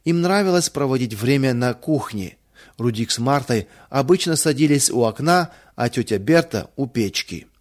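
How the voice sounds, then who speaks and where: Man gently reading a children's story. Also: medium pitch, lively intonation, moderate pace. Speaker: narrator.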